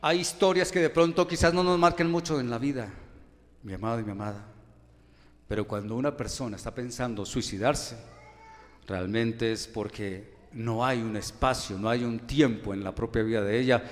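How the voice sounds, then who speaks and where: A man with a Colombian accent preaching a sermon as pastor, asking many rhetorical questions, his loudness rising and falling. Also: mid-range voice, normal speed. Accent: Colombian Spanish. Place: church hall. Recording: long church hall reverb.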